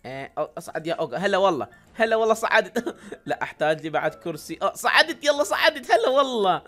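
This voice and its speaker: Excitable, fast Iraqi Arabic woman gamer. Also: medium pitch, soft background music. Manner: excitable, laughing, shouty exclamations. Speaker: gaming channel host. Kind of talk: excited game commentary.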